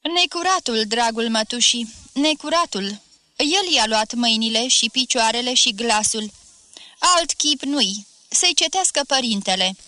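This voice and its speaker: A woman reading aloud and voicing a wiry, superstitious old village woman with a soft, pitying voice. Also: fairly high pitch, lively intonation, no room sound. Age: older.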